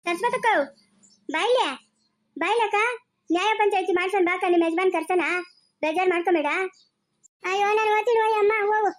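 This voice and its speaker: A woman performing a village comedy skit with a Chikkaballapur rural Kannada accent, chattering in fast, exasperated nagging. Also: very high-pitched.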